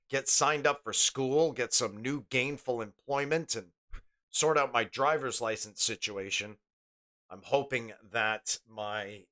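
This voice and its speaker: A man's voice: medium pitch, sharp tone. A man streaming live, chatting casually while calling the game in rambling, play-by-play asides. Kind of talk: casual live gameplay commentary.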